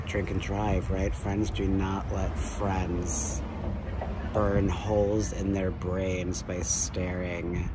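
A man in his thirties, rambling and lecturing excitedly into a phone held at arm's length outdoors. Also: low-pitched, very noisy. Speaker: vlogger. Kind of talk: rambling selfie monologue. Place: outdoors by a building wall.

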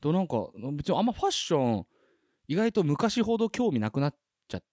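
A man's voice: on the high side, a little fast, no room sound, clean studio sound. A young man from Hokkaido, a rapper guest in a casual interview, telling stories and acting out quotes with slangy asides. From Hokkaido, Japan. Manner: animated storyteller, acts out quotes with slangy asides.

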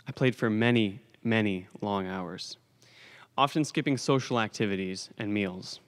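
Standing at a lectern on a school gym stage, a graduating teenage boy delivers his commencement speech in a lowish voice. His testimonial storytelling is earnest and punctuated by dramatic pauses, picked up by a stand-mounted podium mic with long reverb from the big hall.

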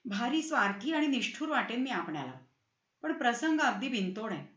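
A woman's voice: on the high side, sing-song, moderate pace, a bit bright, reverberant, highs cut off. A woman voicing a scheming young woman who pleads and coaxes her lover in a storybook reading. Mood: pleading. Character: scheming young woman, sweet-talking and tearful.

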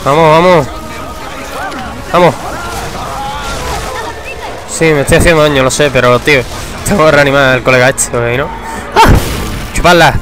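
A young man giving casual, excitable gameplay commentary, swearing and breaking into shouts. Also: a little high, normal speed, long pauses. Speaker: gamer. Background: game music.

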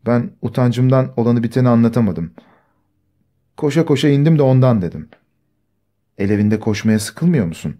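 A man's voice: medium pitch, lively intonation, moderate pace, pauses often, close to an everyday voice. Man reading as a timid wronged young woman. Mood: quiet. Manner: quiet, timid, restrained storytelling.

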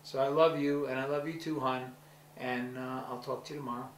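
Standing among cannabis plants, a male vlog host records a playful, loving video message addressed straight to a child. His medium-pitched voice is flat and a little quick, far from the mic in a roomy space with faint ambience and slight hiss or hum.

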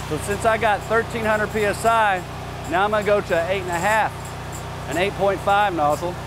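Over a noisy background, a man in his forties speaks at a moderate pace in a high voice with fairly even intonation. Wearing a lapel mic in an outdoor industrial yard, he presents for his company, walking through a practical how-to plainly and adding casual asides.

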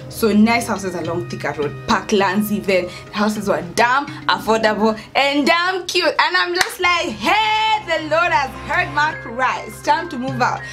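This young adult woman, Kenyan in accent, narrates casually to the camera indoors by an open doorway at home, performing the dialogue with drama and code-switching into Swahili. Her voice is a little high and a bit bright.

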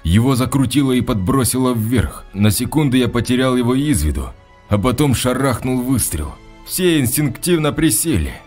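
A man's voice: mid-range voice, lively intonation, moderate pace, darkish tone. Brief: male audiobook narrator, dramatic reading, faint music underneath. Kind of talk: scripted narration.

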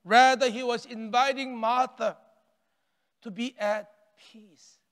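An older man preaches from the pulpit of a large sanctuary, swinging from raised, emphatic lines to near-whispered ones. His voice sits unusually high for a man and sounds smooth and resonant. A long church-hall reverb trails behind each phrase. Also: slow. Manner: animated preaching with wide arm gestures, rising and falling intensity; repeats and restarts phrases, drops to near-hush on key words. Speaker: pastor. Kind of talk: sermon.

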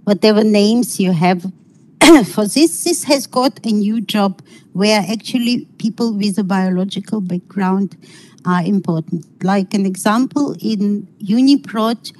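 Slow, halting middle-aged woman lecturing online. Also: mid-range voice, a little mellow, poor audio. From Kazakhstan. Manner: halting, searching for words, non-native phrasing. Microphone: video call.

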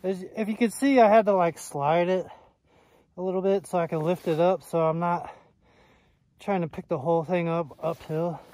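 A man's voice: high-pitched, fairly even intonation, normal speed, warm tone. A man riding a motorcycle on desert trails, talking casually and swearing offhandedly as he comments on the ride. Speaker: motorcycle vlogger. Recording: outdoor wind and motorcycle engine noise. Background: motorcycle engine.

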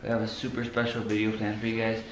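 A man's voice: fairly low pitch, completely flat delivery, fast. A young man vlogger talking casually with his wife, slangy and easygoing. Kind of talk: casual couple vlog chat. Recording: echoey room with faint noise.

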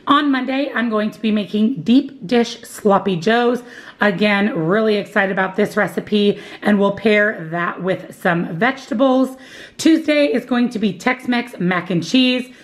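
A married, working adult woman vlogs her grocery haul and weekly meal plan in a cheerful, upbeat way. Her voice sits mid-range and moves a little slowly. She gushes and repeats words for emphasis, saying "love, love, love."

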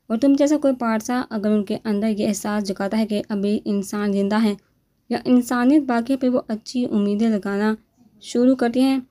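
Picture a proud, bitter young woman who has shut love out of her life, speaking with cool scorn and defiance. A woman reads her lines aloud from a novel in a mellow, unforced voice that stays close to her everyday tone. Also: a little high, close to an everyday voice. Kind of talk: novel reading.

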